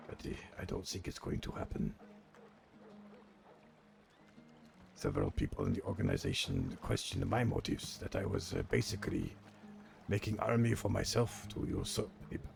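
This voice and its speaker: A man acts out a grumpy old man, a weary, fatalistic veteran of a crime organization in a role-play game. His voice is low and heavily creaky, with gravelly grit. He speaks gravely and haltingly, though his pitch moves around a good deal. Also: huge pitch swings, slight background noise, exaggerated voice. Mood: weary, grim. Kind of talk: improvised online role-play.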